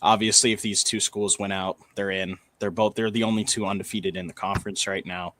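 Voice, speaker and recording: Lowish male sports talk co-host. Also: flat delivery, brisk, bright, forceful tone, a little hiss or hum.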